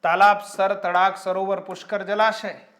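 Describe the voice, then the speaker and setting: In a fairly bright, high voice with little pitch movement and a slightly slow pace, a man runs an exam-prep Hindi grammar session. He rattles through synonyms, stops to note new words and their spellings, and keeps addressing viewers as friends with frequent tag questions.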